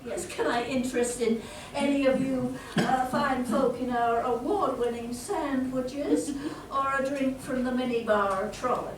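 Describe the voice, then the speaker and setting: A woman's voice: high-pitched, steady tone, unhurried, hardly any pauses. Woman acting brash folksy train conductor, echoey hall. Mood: chatty. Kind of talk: amateur comic pantomime stage acting. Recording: echoey hall from far off, noisy audience.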